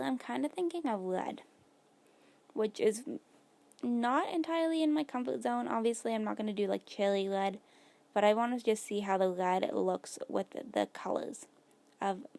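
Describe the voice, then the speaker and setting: A woman's voice: medium pitch, measured pace, creaky, darkish tone. A woman losing her voice, casually narrating a build video as host and thinking aloud as she works, with many "like"s and "gonna go ahead"s. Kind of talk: casual gameplay voice-over.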